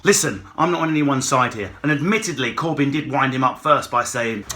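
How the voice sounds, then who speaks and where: A man from Essex with an Essex accent, a comedian on an escalating rant, excitable, sweary and mocking, breaking into put-on voices. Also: mid-range voice, brisk. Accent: Essex English. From Essex, England. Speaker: stand-up comedian, host.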